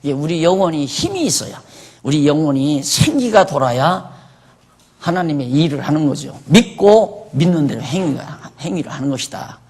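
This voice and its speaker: A man's voice: on the high side, sing-song, moderate pace, darkish tone, breathy edge. A man preaching a sermon in a conversational way, often asking his listeners questions. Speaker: pastor.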